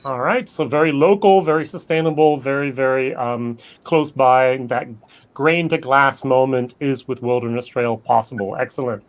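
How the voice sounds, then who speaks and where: A man's voice: mid-range voice, moderate pace. A man hosting a casual online tasting and interviewing the guests. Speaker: host.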